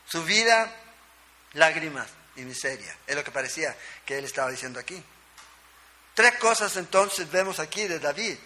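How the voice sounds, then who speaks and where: Bright-voiced preacher checking in with listeners. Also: male voice, a little high. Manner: conversational, checks in with listeners with a constant "¿ya?"; emphatic, with rhetorical questions and short punchy answers. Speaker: pastor. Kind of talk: expository sermon.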